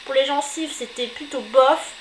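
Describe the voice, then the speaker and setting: A woman's voice: high-pitched, normal speed. A woman reviewing beauty products she has used up, chatting casually with many fillers and blunt verdicts. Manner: chatty, hesitant with frequent fillers. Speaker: beauty vlogger. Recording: echoey room with noticeable background noise.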